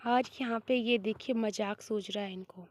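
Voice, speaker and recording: A woman's voice: mid-range voice, steady tone, moderate pace, a little mellow. A woman with a sore throat, chatting to viewers in a casual walk-along vlog on a hillside. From Himachal Pradesh, India. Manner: chatty, talks straight to viewers. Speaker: village life vlogger. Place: outdoors on a steep grassy hillside.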